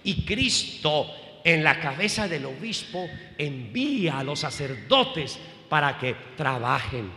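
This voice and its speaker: Male priest preaching; high, sharp, forceful voice, animated and joking with the congregation, in an echoey church. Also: takes it slowly, slight background noise. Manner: animated preaching, questions to the congregation, humorous asides. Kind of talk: sermon. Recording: echoey hall.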